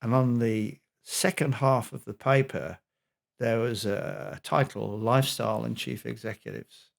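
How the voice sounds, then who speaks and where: A middle-aged man, a health expert guest on a podcast, telling an animated anecdote. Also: mid-range voice, a little slow, gravelly. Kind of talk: storytelling in a podcast interview.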